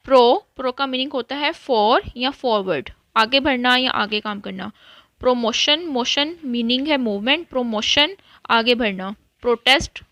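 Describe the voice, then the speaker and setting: Woman teacher, bright and slightly high voice, dry close sound, patient step-by-step explaining. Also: no room sound. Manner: explains word by word, mixes English terms into Urdu-Hindi. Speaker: English teacher. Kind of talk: recorded classroom lesson.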